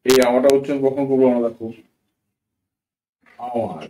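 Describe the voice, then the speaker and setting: A man teaching English pronunciation in a patient spoken lesson. He spells out example words slowly letter by letter and often checks in with his listeners. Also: medium pitch, warm tone. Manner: patient, addresses viewers as friends, asks "ঠিক আছে?", corrects himself with "sorry". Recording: echoey room, voice a bit far from the mic.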